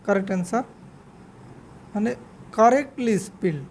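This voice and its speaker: Mellow-voiced woman teaching spelling. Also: medium pitch, slight background noise. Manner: spells words out slowly letter by letter and repeats them. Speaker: English vocabulary teacher. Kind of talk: spelling quiz lesson.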